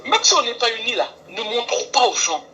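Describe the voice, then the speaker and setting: A woman calling in to a live stream, talking earnestly and pleading for calm. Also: a little high, fairly quick, muffled recording. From France. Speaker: caller. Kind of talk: phone call on a live stream.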